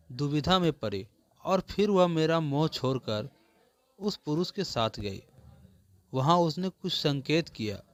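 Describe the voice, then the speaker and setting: A man narrating a literary story in the first person, in a measured, literary telling. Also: fairly high pitch, no echo.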